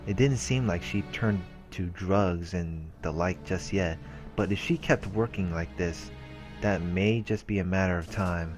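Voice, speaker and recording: Hosting a let's play, a man with a low-pitched voice reads the story text aloud at a measured pace and adds casual remarks. He sometimes trips over words and repeats them, while game music plays behind him.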